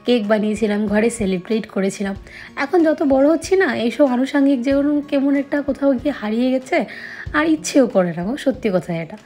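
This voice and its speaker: Chatty young woman vlogger, slightly high. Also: darkish tone. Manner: chatty, explaining to viewers. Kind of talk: casual vlog chat to camera. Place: home indoors.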